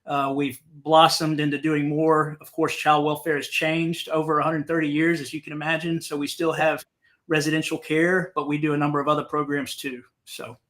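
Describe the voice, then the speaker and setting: A man from South Carolina with a light Southern accent tells a story earnestly as a webinar guest. His voice is bright and forceful and sits fairly high for a man, and he sometimes restarts a phrase mid-thought. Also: little pitch movement, moderate pace. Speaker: guest, nonprofit executive. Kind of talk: conversational storytelling.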